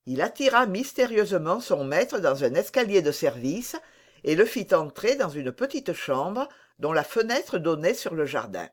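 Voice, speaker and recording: A narrator reading a classic novel aloud in a measured, expressive way. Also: mid-range voice. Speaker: audiobook narrator.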